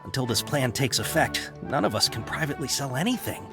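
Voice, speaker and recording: An actor playing an apologetic, weary caravan merchant in a game. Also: male voice, medium pitch, expressive, fairly quick, music in the background, lightly acted. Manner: apologetic, sighing. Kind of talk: video game voice acting.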